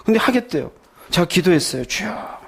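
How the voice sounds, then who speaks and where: A man's voice: sits high, expressive, brisk. A middle-aged pastor from Korea preaching a sermon, telling his own story, acting out the dialogue and asking the congregation questions.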